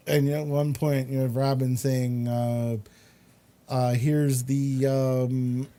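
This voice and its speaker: Rambling through explanations of films and comics, a man chats casually and with strong opinions, tossing in exasperated asides. His voice is mid-range and a little mellow.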